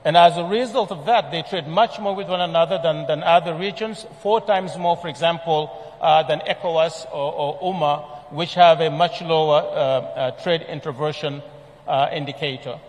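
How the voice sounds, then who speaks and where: A man from Senegal presenting a report at a conference, speaking in a measured way with frequent fillers and restarts. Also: a little high. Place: large conference hall. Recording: long hall reverb.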